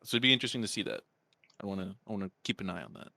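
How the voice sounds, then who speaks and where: Podcast co-host, man, very deep voice with a forceful edge, dry close sound. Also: racing, gravelly, no room sound. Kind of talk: casual chat.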